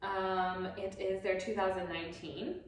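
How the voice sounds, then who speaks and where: A woman hosts a relaxed chat over a glass of wine, bubbly and encouraging. Her voice sits at a middle pitch and comes from some way off the mic, in a very echoey room. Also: unhurried, recorded from a distance, slight background noise. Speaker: host of a wine-tasting interview series. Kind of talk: casual interview chat.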